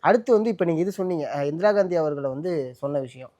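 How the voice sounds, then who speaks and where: A man's voice: on the high side, quick pace, warm tone. A man interviewing a guest, probing and pushing back on the answers. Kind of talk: casual Tamil interview questioning.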